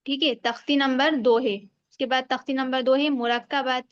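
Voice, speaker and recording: A woman's voice: high voice, little pitch movement, dry recording, lo-fi sound. A woman teaching Quran reading in an online class, patiently repeating each rule and checking that the students follow.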